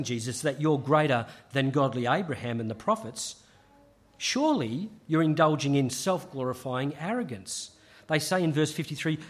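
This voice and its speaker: Husky-voiced man preaching a sermon. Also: fairly high pitch. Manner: measured, emphatic preaching with frequent restarts.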